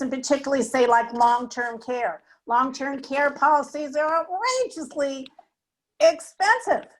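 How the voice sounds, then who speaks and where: A woman's voice: high voice, rough recording. An older woman asking a question at an online forum, chatty and a touch exasperated, over a video call. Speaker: audience member asking a question.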